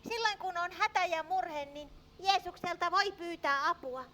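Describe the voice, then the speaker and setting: A woman voicing an excitable, fretful little sheep in a church puppet show, full of small cries. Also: very high-pitched. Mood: hopeful. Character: anxious clumsy little lost sheep, female. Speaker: puppet character.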